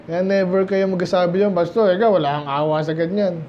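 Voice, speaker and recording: Male pastor, Filipino accent, fairly high voice, verse-by-verse Bible teaching, slow English scripture reading, muffled recording with faint hiss. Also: fairly even intonation. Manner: reads King James verses slowly in English, then explains in Taglish. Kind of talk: verse-by-verse Bible study preaching. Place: church sanctuary, indoors.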